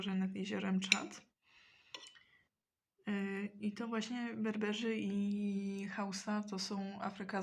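A woman talking casually in a mukbang while eating, hesitant and often pausing mid-sentence to think. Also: medium pitch. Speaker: mukbang vlogger.

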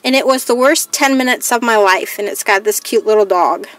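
Chatty and in no rush, a female crafting vlogger walks through her haul show-and-tell style. Her slightly higher voice is a bit bright, and she reads out each piece plainly, as if ticking down a list.

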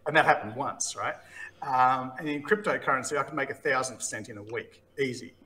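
A man, a podcast guest telling lively stories and acting out what others said. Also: medium pitch, a little fast, low-quality recording. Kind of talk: casual interview storytelling.

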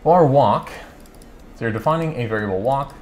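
A man from California hosting a casual live coding stream, chatting and thinking aloud, reading code out slowly with lots of fillers and self-corrections. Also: mid-range voice, animated, darkish tone, slight background noise. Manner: reads code aloud slowly while typing. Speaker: livestream host answering coding questions.

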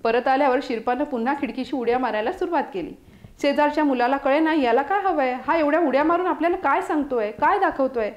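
High-voiced woman reading a story aloud. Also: fast talker, highs cut off. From Mumbai, India. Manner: lively, voices each character. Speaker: storytelling contestant. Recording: roomy echo.

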